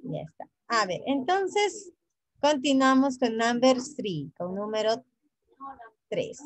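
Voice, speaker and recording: A woman's voice: fairly high pitch, big pitch swings, takes it slowly, no echo, rough recording. A woman English teacher who speaks patiently, repeats each phrase in English and then in Spanish, and quizzes her students by name.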